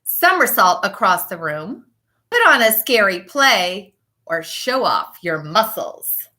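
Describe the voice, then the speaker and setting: A woman teacher with a medium-pitched voice reads a children's picture book aloud and chats with pupils. Her delivery is expressive and emphatic, with deliberate pauses.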